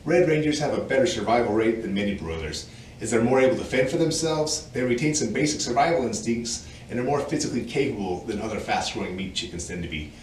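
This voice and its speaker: A man in his forties delivers a clear, informative farm explainer as the show's host. He sounds a little distant from the mic, with noticeable room reverberation, and a faint outdoor ambience sits underneath. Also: mid-range voice, animated, fast, a little hiss or hum. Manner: clear, informative and matter-of-fact. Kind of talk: scripted explainer to camera. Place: outdoors in front of a wooden barn door.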